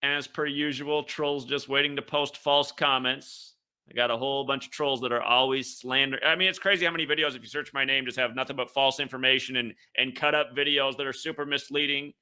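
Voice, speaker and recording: Bright-voiced man ranting on his show. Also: mid-range voice, fairly even intonation, fairly quick, clean tone. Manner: repetitive, aggrieved ranting with frequent profanity; stammers and repeats words. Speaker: online sports betting show host. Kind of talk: casual livestream monologue.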